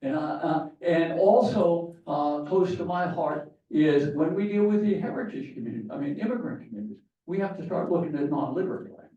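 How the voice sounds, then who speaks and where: His voice is fairly high and warm, and he talks briskly with hardly any pauses. As a conference speaker, he rambles through his talk with lots of fillers and restarts, captured from afar in an echoing hall that sounds dull.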